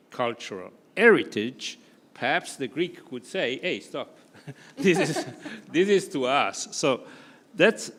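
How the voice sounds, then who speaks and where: A man's voice: mid-range voice, fairly bright tone, long reverb tail. A man from Italy with a Piedmontese accent, a comparative law professor answering on a panel with many hesitations. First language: Italian. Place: conference hall.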